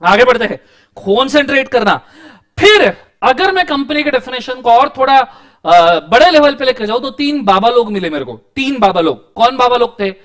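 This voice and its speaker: A young man lectures on law in a very high, bright-sounding voice. He teaches with jokes and theatrical asides, mocking and praising as he explains. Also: lively intonation, moderate pace. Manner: joking, theatrical teaching with mock sayings. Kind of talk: classroom lecture.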